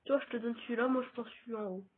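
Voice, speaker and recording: French-accented male let's-player, breathy tone, lo-fi phone-quality mic, chatty to camera. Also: very high-pitched, steady tone, racing. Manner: chatty, talks straight to viewers while playing. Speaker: gaming YouTuber. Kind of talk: casual let's-play commentary. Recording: tinny phone-like audio.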